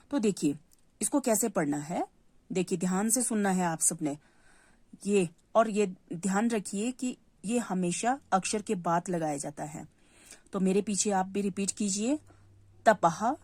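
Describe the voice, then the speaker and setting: A woman's voice: mid-range voice, dark tone, dry recording. A woman teaching a Hindi lesson to young children, patient, repeating key words and answering her own questions. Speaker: primary school Hindi teacher.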